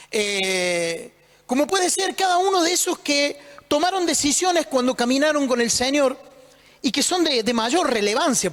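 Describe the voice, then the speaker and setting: A man's voice: very high voice, in a large hall. A man, preaching a conversational, joking sermon full of rhetorical questions. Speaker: pastor. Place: church.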